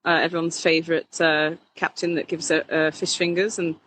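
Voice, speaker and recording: A woman drag king performer chatting casually in an interview, animated and quick to laugh, often restarting her sentences. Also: low-pitched, a little hiss or hum, poor audio.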